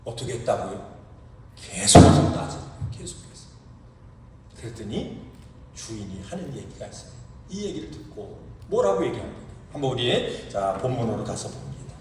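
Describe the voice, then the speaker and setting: A male pastor preaching a sermon in a church, asking the congregation rhetorical questions in an animated way. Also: medium pitch, fairly quick. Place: church sanctuary. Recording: echoey hall, distant mic, faint hiss.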